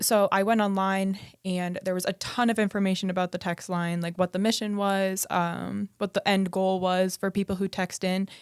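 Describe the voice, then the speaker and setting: A nineteen-year-old woman answers questions in casual podcast chat. She speaks earnestly and a little haltingly, and her tone is smooth and clear. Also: medium pitch. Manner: earnest, with frequent "um" fillers. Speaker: peer support worker, podcast guest.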